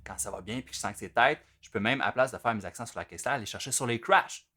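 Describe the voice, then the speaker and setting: A man giving a relaxed, conversational drum lesson, full of fillers. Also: lowish voice, fast talker, loud music behind the voice. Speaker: drum teacher. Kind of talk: casual spoken instruction. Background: drum playing.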